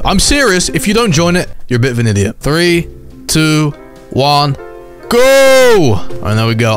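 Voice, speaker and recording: Brief: young male gaming YouTuber, hyped race commentary, average pitch, faint music behind. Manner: hyped, says "bro" a lot, jumps into shouts at race finishes. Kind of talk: excited gameplay commentary.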